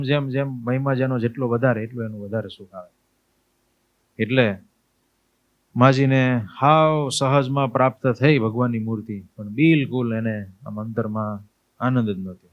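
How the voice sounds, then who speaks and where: A swami giving a sermon. He tells a devotional story in a lively way, acts out its people's voices, and turns to his listeners with questions such as "understood?". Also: fairly low pitch, narrow, tinny audio. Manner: storytelling, acts out the old woman's cries and dialogue; asks listeners rhetorical questions. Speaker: swami giving a religious discourse.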